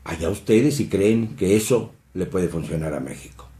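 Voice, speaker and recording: A Mexican man giving an emphatic, indignant commentary monologue, jumping sharply in pitch on key phrases. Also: lively intonation, normal speed, warm tone. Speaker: political commentator. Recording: roomy echo.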